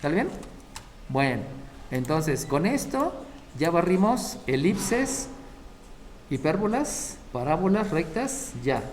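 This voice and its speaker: A math teacher with a slightly high, somewhat mellow voice lectures very animatedly yet slowly, leaving long pauses, over slight background noise. He explains each step in turn and checks in with his students through short questions.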